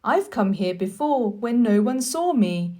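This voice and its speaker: A woman's voice: fairly high pitch, very animated, a little slow, mellow. A woman reading a children's storybook, voicing a blunt but loyal, tender-hearted old gardener with emphatic delivery. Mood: fond, loyal.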